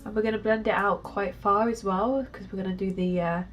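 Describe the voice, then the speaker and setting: A young woman talks through a makeup tutorial in a chatty, casual way, her voice nasal and stuffed up from a cold. She speaks at a middling pitch for a woman. Faint music plays quietly underneath. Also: steady tone, a little fast. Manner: chatty, casual, with frequent ums. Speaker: beauty vlogger.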